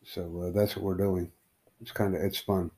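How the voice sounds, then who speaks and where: A man from the United States hosts a casual live stream, talking with strangers he meets online. His voice sits low and sounds mellow and dark. He rambles and halts, leaning on fillers as he goes. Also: flat delivery. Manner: rambling, halting, with many fillers. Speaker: livestream host.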